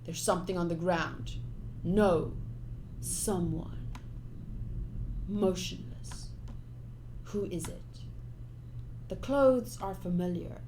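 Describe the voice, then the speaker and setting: A young woman streaming a game speaks in a lowish voice, slowly and with frequent pauses, over a little hiss or hum. She reads the game's lines aloud expressively, punctuating them with chatty asides.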